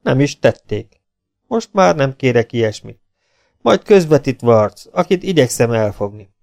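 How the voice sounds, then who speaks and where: A man's voice: mid-range voice, big pitch swings, creaky, darkish tone. A man voicing a cocky, self-assured outlaw gunslinger who taunts his opponents. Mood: mocking. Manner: mocking, self-assured and teasing.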